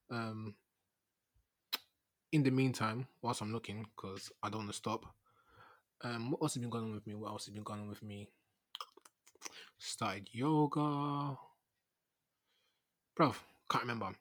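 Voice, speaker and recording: Young London man, casual roadman slang. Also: fairly low pitch. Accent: London, Multicultural London English. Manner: roadman slang, informal and chatty. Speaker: podcast host. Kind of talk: casual solo podcast chat.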